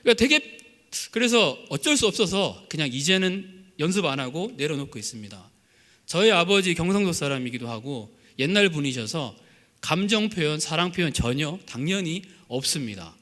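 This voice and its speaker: Male pastor, Gyeongsang accent, lively pitch, bright voice, long church reverb. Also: moderate pace. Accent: Gyeongsang Korean. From Gyeongsang region, Korea. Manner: earnest, with lively acted quotes and humor. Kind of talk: sermon. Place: church sanctuary.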